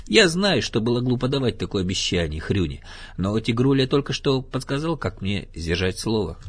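Brief: man playing a gentle anxious storybook bear, higher and breathy. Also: very animated, normal speed. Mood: earnest. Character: small earnest male teddy bear, kind and fretful.

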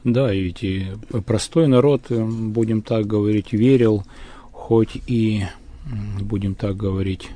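A man in a religious discussion, speaking haltingly with many fillers and restarts. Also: on the low side, steady tone, mellow.

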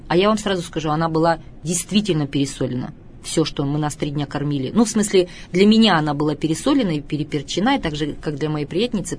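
A middle-aged woman speaking as an expert guest, lecturing emphatically and slowing down to stress her points. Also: low-pitched, slight background noise. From Russia. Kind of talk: studio talk show interview.

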